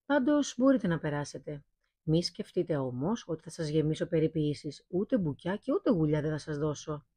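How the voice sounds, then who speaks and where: A burly, ill-mannered blacksmith bellows insults in a mellow, husky voice, as a woman reading a fairy tale puts him on. He sounds gruff and rude. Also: deep voice, lively intonation, no room sound.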